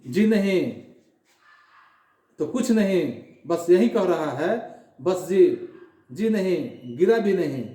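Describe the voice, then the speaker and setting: A man's voice: high-pitched, lively intonation, slow, long pauses, warm tone, distant mic. A man reading as a flustered father. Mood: earnest. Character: flustered father describing his son's bellyache. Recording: echoey room.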